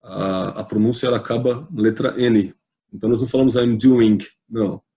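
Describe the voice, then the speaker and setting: A man's voice: lowish voice, fairly even intonation, fast, warm tone. A man with a Brazilian Portuguese accent teaching an English grammar video lesson, patient and repetitive, spelling out letters as he explains.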